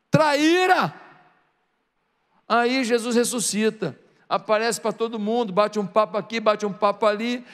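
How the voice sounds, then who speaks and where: A man with a Brazilian Portuguese accent preaching a sermon, telling the story in lively, slangy language that swings from loud to hushed. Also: extremely high pitch, big-room sound. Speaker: pastor.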